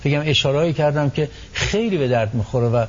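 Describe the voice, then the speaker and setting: A man guest on a radio talk show, explaining his ideas in an animated way, often acting out what people say. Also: on the high side, dull audio. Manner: animated storytelling, acts out quotes. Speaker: psychology expert guest.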